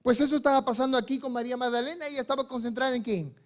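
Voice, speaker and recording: Man, high voice, pastor preaching, answers his own questions. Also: steady tone. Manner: asks the congregation questions and answers them himself; shifts between soft, slow passages and loud emphatic ones. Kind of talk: sermon.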